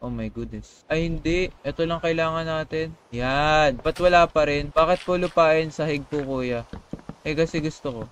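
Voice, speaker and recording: A man's voice: fairly high pitch, normal speed, a little hiss or hum. A young man casually commentating a live game stream, chatting to viewers and reading their messages aloud. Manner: chatty, reads chat aloud, screams when startled. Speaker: gaming streamer.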